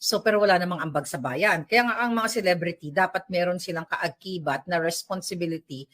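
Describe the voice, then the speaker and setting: A woman's voice: fairly low pitch, brisk, fairly bright tone. A woman giving casual, sarcastic vlog commentary at home, ranting animatedly and mixing in English. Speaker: political vlogger. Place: at home while tidying up.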